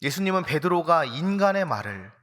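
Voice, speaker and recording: A man preaching an early-morning sermon as a pastor, earnest and reflective, sinking low and quiet when he quotes scripture. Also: very animated, fairly quick. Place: church.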